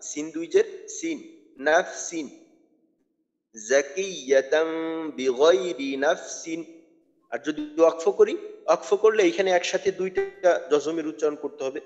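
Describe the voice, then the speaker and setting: A man teaching Quran recitation rules, spelling out letters and vowel marks slowly and deliberately. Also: a little high. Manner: slow, deliberate, drawn-out spelling of sounds. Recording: dull lo-fi sound with long reverb.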